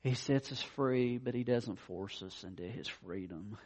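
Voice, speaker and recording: A man preaching a sermon, swinging between loud emphatic declarations and quieter personal asides. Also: mid-range voice, measured pace. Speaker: pastor.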